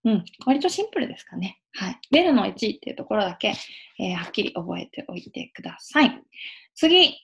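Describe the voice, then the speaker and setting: A woman giving a casual spoken lesson on English pronunciation, patiently demonstrating sounds with drawn-out vowels. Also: medium pitch, sing-song, gravelly, a bit bright. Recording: lo-fi dull sound.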